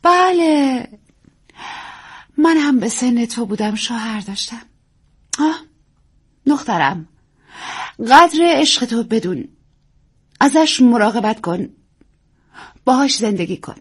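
A self-pitying aging diva of the stage, as a woman reader puts her on, stretching her words into theatrical sighs and repetitions. Her voice is husky and fairly high, and it swings widely up and down. She sounds like a storybook grande dame. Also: expressive. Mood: dramatic, self-pitying. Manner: theatrical, drawn-out sighing repetitions.

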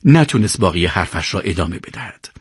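A man narrating a war story as an animated storyteller. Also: deep voice, breathy edge, dry recording, studio quality. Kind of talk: scripted audiobook narration.

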